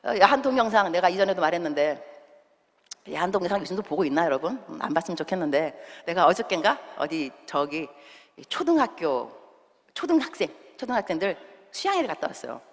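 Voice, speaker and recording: A woman pastor preaching a sermon emphatically, swinging between loud exhortation and hushed asides and mixing in English words. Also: on the low side, sing-song, fairly quick. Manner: acts out quoted voices and mixes in English words. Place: large church hall. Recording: long reverb of a church hall.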